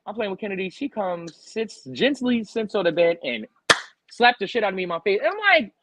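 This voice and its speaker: A young man hosting a podcast, telling a story in a loud, profane rant and acting out what people said. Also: sits high, brisk, background noise. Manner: animated, profane, loud outbursts acting out quotes. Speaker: podcast host.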